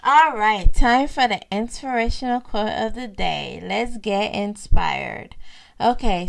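A woman's voice: mid-range voice, creaky. A woman in her thirties, a mother hosting a parenting vlog, telling family stories to viewers in a casual way and repeating her phrases.

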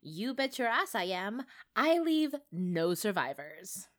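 A woman's voice: a little high, wildly swooping pitch, moderate pace, pitched above the performer's own voice. A woman voicing Spider-Man as a young man who speaks in a small, stammering, tearful voice while faking distress. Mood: cocky. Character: young man, meek and teary, secretly sly.

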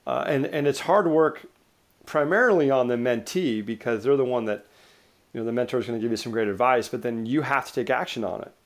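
A middle-aged man being interviewed who talks loosely, with frequent restarts and lively anecdotes. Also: mid-range voice, fairly quick. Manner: rambling, restarts often, lively storytelling. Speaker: interview guest. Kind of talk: casual conversational interview.

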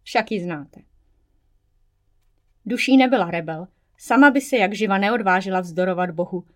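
A woman reading an audiobook aloud, a wry, expressive first-person narration as a male storyteller. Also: medium pitch. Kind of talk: scripted narration.

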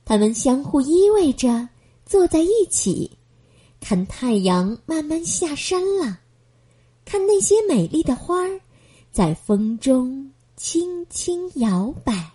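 A woman reading a children's bedtime story aloud in a gentle, expressive manner. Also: high-pitched, takes it slowly.

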